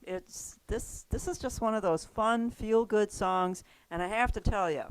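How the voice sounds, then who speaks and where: A woman's voice: medium pitch, a little slow, smooth, dry recording, poor audio. Chatty woman music teacher, casual and giggly, dry close sound. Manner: chatty, laughs easily, trails off with restarts. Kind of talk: casual class lesson.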